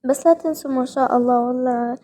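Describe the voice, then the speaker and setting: A young woman, giving excited gameplay commentary and repeating words rapidly when thrilled. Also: sits high. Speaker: gaming vlogger.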